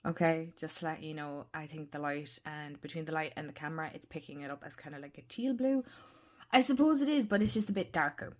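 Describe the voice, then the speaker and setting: A woman chatting casually through a tarot deck review at her desk. Her voice is worn from illness, and she gushes and often drops into soft whispers. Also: low-pitched, fairly quick.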